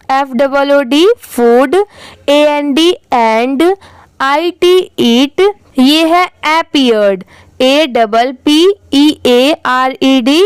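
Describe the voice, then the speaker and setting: Woman, high voice, dry close recording, spelling words aloud letter by letter. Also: no echo, poor audio. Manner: spells words letter by letter, then says them slowly. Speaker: English reading teacher. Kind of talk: slow spelling-out reading lesson.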